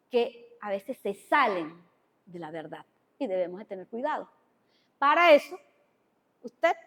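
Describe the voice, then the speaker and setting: A woman with a Venezuelan Spanish accent preaching a sermon to her congregation, talking conversationally and asking them questions. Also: high-pitched. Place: church hall. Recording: long church hall reverb.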